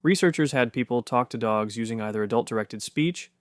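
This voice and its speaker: A man giving scripted narration for an explainer video, punchy and conversational with quick rhetorical questions. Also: medium pitch, dry recording, clean studio sound.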